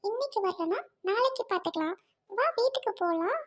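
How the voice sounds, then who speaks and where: Aandal, woman playing a gentle loyal friend. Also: very high voice, animated, fairly quick. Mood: soothing. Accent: Trichy Tamil. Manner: gentle, reassuring, repeats friend's name. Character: loyal soothing young girlfriend, Aandal. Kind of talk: comedy skit acting.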